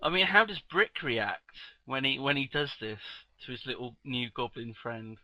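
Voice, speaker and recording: A man as game master, narrating a tabletop game with sweary, amused, excitable banter. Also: mid-range voice, normal speed, no echo, rough recording.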